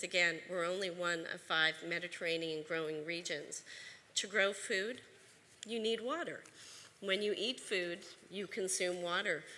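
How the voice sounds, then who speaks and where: A woman with a bright, mid-pitched voice delivers a prepared speech at a conference. Her delivery is steady and earnest, with a few restarts along the way. The sound carries a long reverberant tail from the hall. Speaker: state agriculture official giving a talk.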